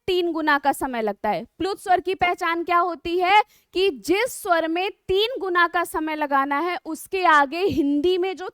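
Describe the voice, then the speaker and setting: Woman teacher, really high voice, dry close sound, slow patient explaining, keeps asking the kids questions. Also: a bit bright, dry recording. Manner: patient, drawn-out explaining with frequent rhetorical questions to students. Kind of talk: online exam-prep lesson.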